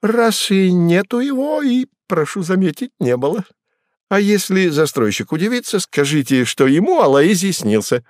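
A man doing a high, jaunty, mocking demon retainer. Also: sing-song, normal speed, no room sound, clean studio sound. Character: sly, fussy male demon retainer, mocking.

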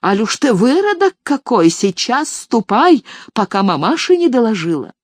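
A woman doing a shrill old scolding nursemaid. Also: big pitch swings, normal speed, no room sound, clean studio sound. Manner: wailing, scolding and lamenting in a broken old voice. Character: shrill, fussy old woman servant, scolding then doting.

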